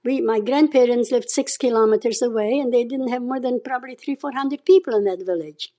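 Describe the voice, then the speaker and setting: As a guest in an oral history interview, a woman in her nineties from Czechoslovakia shares her memories in a Hungarian-Czech accent, often tacking on a questioning "okay?". Her voice is on the high side and dark in tone, and she tells her stories briskly.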